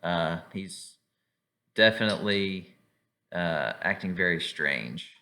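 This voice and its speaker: A man's voice: deep voice, takes it slowly, pushed and bright. A man narrating as game master of a tabletop game, rambling with many "like"s and "uh"s. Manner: rambling, full of "like" and "uh".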